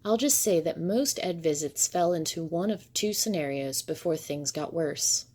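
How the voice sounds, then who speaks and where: Low-voiced woman narrating a creepy story. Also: animated, normal speed, darkish tone. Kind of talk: first-person horror story narration.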